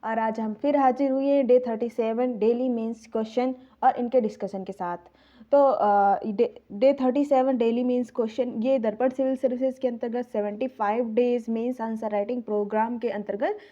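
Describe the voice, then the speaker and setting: A woman teaches exam answers in a high, mellow voice. She repeats her phrases, pauses on "uh" and keeps checking in with her listeners. The sound is dull and lo-fi. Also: steady tone. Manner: repeats phrases, frequent "uh" fillers and tag "है ना". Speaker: civil services exam tutor. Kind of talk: spoken exam answer walkthrough.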